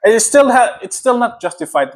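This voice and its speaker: A young Filipino man with a notably high voice, co-hosting a casual podcast. He argues his points with heat and emphasis. He breaks into laughter often. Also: very animated. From Philippines. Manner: heated, emphatic, quick to laugh. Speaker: podcast co-host. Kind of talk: casual chat.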